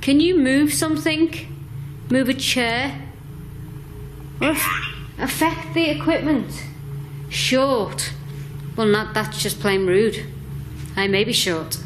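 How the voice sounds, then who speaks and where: A woman investigating the paranormal, slowly and deliberately questioning an unseen spirit during a ghost-hunting vigil. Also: fairly high pitch, noisy background.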